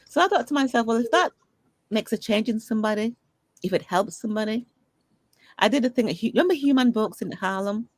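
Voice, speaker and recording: A middle-aged woman, an interview guest, telling personal stories in a lively, conversational way and acting out the voices of people she quotes. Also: fairly high pitch, brisk, dry recording. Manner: animated storyteller who acts out dialogue. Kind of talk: conversational storytelling.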